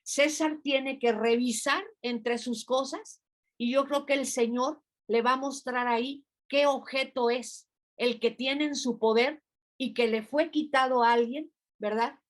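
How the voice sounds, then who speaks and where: A woman's voice: high-pitched, steady tone, unhurried. An older woman pastor, preaching in a conversational way and acting out prayers and dialogue. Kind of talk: informal sermon.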